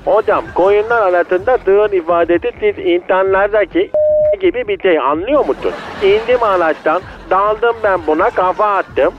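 A man's voice: high-pitched, moderate pace, muffled recording, background noise. A man voicing a drunk, lovesick, streetwise male ram who answers a call over a landline phone. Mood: indignant. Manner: streetwise, self-pitying, calls everyone "hocam".

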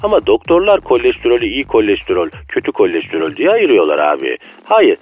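Give me a man playing bad cholesterol on the phone, a low husky voice swinging wildly in pitch, courteous and mock-philosophical, with dull phone-line sound. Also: wildly swooping pitch, fairly quick, heavily acted. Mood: philosophizing. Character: bad cholesterol personified as a polite, smooth-talking man. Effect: heard over a phone line. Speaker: phone-in guest. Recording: dull phone-line audio with faint music.

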